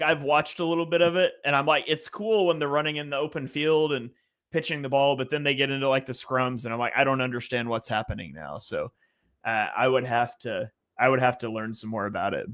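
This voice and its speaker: Man, bright voice, live stream host, play-by-play, reads chat comments. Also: mid-range voice, brisk. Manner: relaxed, reads viewer comments, calls plays. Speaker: live watch-party host.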